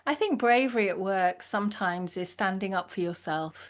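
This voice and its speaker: A woman's voice: mid-range voice, normal speed. A woman who is a guest on a podcast interview, speaking reflectively, posing rhetorical questions and laughing easily.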